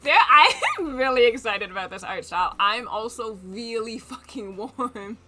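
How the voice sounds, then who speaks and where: In a very noisy recording, a young woman with a fairly high voice talks at a normal pace while streaming a dating game. She chats casually in let's-play style and reads the game text aloud, adding giggly asides.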